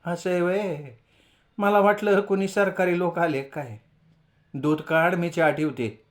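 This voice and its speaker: A man's voice: sits high, steady tone, a little slow, voice pushed up. A man voicing a wary but kindly village mother with a raised voice and homely rural speech.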